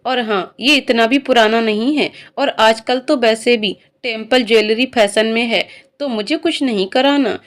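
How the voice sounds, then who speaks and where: A woman reading the part of a gentle young bride, a first-year student, in a spoken story. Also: fairly high pitch, unhurried, hardly any pauses, lightly acted. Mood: tender. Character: gentle young female student, newly married.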